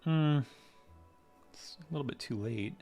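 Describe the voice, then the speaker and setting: With soft music in the background, a male streamer offers casual live commentary on his game, musing aloud and mumbling to himself before occasional exclamations. His voice is slightly high and mellow, at a measured pace.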